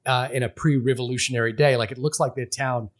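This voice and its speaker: A man's voice: mid-range voice, steady tone, fast talker. A man from Fiji, a podcast co-host, talking through a film in casual, rambling chat full of restarts and fillers.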